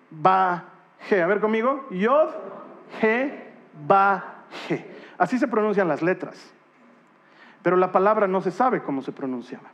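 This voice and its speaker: A man preaching with a high voice, full of rhetorical questions to his listeners. He climbs into bright exclamations, then sinks into hushed, almost whispered passages. The recording sounds dull and muffled. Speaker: pastor. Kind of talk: sermon.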